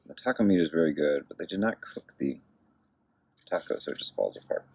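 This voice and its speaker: A man's voice: extremely low pitch, expressive, a little fast, creaky, a little mellow, slightly rough, dry recording. A tired, sore man in his forties, rambling in a laid-back, self-deprecating way as he records a casual outdoor video diary. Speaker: vlogger and amateur cyclocross racer.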